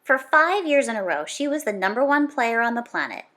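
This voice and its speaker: A woman narrates children's nonfiction aloud with a slightly high, very lively voice. Every line lands with dramatic force, punctuated by crisp exclamations and elongated key words.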